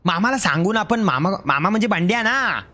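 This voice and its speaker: A man playing a loud, boastful village character in a comedy roleplay game, with an Agri Koli Marathi accent and a rambling way of talking. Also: sits high, animated, fairly quick, slight background noise.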